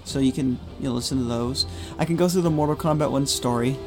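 Guy hosting a gaming video, medium pitch, chatty and rambling, bit of music in back. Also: fast. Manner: rambling, conversational. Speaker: gaming channel host. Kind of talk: casual gameplay commentary.

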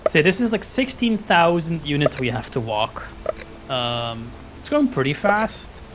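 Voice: mid-range voice, sing-song, a little slow, noisy background. A person giving casual let's-play commentary on a video game, playful and often talking to themself. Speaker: gaming streamer playing and commenting. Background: game music.

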